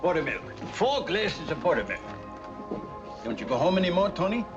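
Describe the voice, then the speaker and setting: An actor playing a loyal working-class police partner with ungrammatical plain talk in a 1940s film noir style. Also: male voice, fairly high pitch, sing-song, normal speed, over music. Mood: concerned. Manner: folksy ungrammatical tough talk. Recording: dull old film soundtrack.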